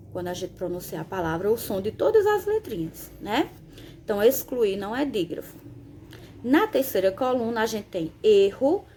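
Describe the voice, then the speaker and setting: A woman teacher patiently explaining a lesson in Brazilian Portuguese, spelling letters out slowly and checking in with her students often. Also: medium pitch, a little mellow, a little hiss or hum. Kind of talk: recorded lesson explaining exercise answers.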